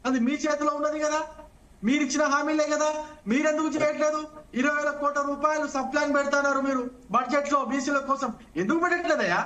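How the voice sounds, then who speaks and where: A man with a Telangana accent arguing in a heated TV news debate, combative and rapid-fire, hammering the same accusations again and again. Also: very high voice, completely flat delivery, bright, forceful tone, low-quality recording. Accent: Telangana Telugu. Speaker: debate panelist.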